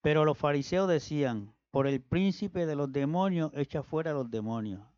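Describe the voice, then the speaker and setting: A man reads Bible passages aloud at a steady, measured pace. The sound is dry with no room around it. The recording is dull and lo-fi. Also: on the high side, no echo. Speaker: scripture reader.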